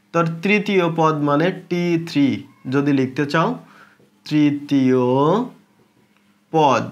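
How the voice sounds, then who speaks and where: A man with a Bangladeshi Bengali accent teaching a step-by-step math lesson, drawing out terms and asking rhetorical questions as he works. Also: fairly high pitch.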